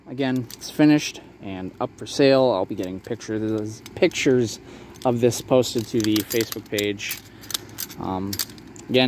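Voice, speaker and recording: A man giving a casual, explanatory product showcase for a video, talking in a halting, hedging way. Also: medium pitch, darkish tone. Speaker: maker showing a handmade prop replica for sale. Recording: clear background ambient noise.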